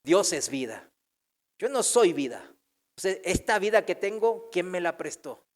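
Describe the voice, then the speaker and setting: A man's voice: sits high, very animated, a little slow. A male pastor teaching a Bible sermon in a church, emphatic, asking his listeners questions and repeating key phrases. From not from Mexico. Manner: loudness swings from strong to very soft.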